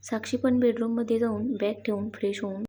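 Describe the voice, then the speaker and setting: Woman narrating a story, husky voice, mellow dark tone, even reading. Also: on the high side, fairly quick.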